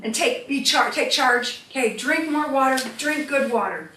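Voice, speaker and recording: A woman's voice: high voice, expressive, normal speed, pushed and bright. A woman teacher giving a live product demonstration, upbeat and quizzing the audience. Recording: echoey room, distant mic, faint noise.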